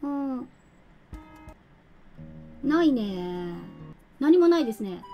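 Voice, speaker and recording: A woman's voice: high voice, sing-song, slow pace, dull audio, faint music behind. A young woman streaming a cooking game, chatting casually, giggling and thanking viewers as she plays. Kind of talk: casual live-stream chat.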